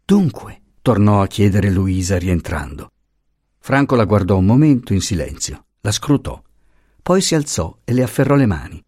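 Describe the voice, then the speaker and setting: A man giving an expressive, dramatic reading of a novel as an audiobook narrator. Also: low voice, moderate pace, breathy edge, no room sound, studio quality. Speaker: audiobook reader.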